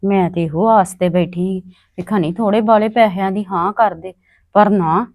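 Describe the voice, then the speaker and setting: A woman's voice: mid-range voice, fairly even intonation, moderate pace, a little mellow, no room sound, lightly acted. A woman playing a pragmatic, self-interested young married villager in a family drama, blunt and persuasive. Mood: resentful. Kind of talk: acted family drama dialogue.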